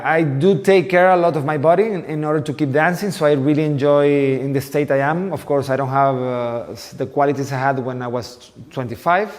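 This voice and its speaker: A man's voice: mid-range voice, a little mellow. Man in his forties, reverberant. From Venezuela. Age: 40s. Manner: thoughtful, searching for words in a second language. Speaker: guest dance teacher. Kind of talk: interview answers.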